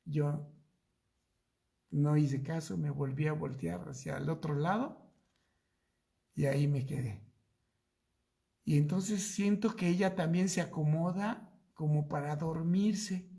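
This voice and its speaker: This middle-aged man, a pastor with a Mexican accent, recounts a personal experience in a Bible study sermon and performs the dialogue himself. His voice sits a little high, sounding creaky and dark. The storytelling is slow and drawn out.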